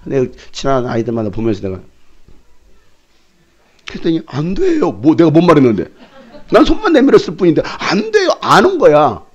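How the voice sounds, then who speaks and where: A man's voice: on the high side, brisk, long pauses, breathy edge, highs cut off. A male pastor preaching a sermon, telling stories animatedly and acting out the scenes he retells. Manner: animated storytelling, shouting in retold scenes. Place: church sanctuary.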